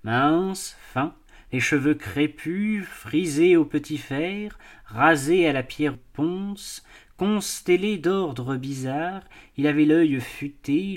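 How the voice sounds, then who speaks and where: Give me a man narrating an audiobook in a measured, expressive way, slightly high-pitched. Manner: measured, expressive literary reading. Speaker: audiobook reader. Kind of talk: scripted narration.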